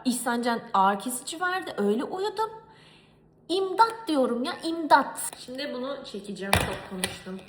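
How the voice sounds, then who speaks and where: A young woman from Turkey telling a story in a casual cooking vlog, animated and exasperated. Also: a little high, reverberant, background noise. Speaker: vlogger. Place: home kitchen.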